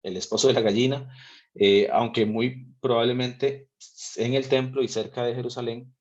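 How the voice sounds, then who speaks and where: A man's voice: medium pitch, steady tone, normal speed, darkish tone, lo-fi sound. A man from Rica, reading scripture aloud and patiently explaining it in a Bible study talk. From Costa Rica. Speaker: theology group speaker.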